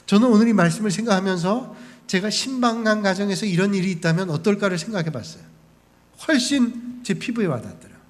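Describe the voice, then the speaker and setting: A man preaching as a pastor, telling the story and briefly acting out the people in it. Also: high voice. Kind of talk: sermon. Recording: long hall reverb.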